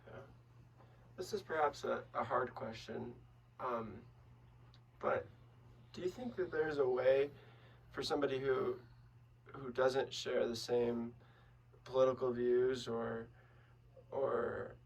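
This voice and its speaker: A man interviewing a guest on a podcast, asking tentative, halting questions. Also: medium pitch, fairly even intonation, creaky, husky. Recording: distant mic.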